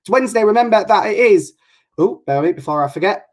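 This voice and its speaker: A man's voice: high-pitched, animated, fast talker, darkish tone. Chatty, rambling northern English man. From Hull, England. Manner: chatty, rambling, self-interrupting. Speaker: host of an online interview show. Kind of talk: casual chat.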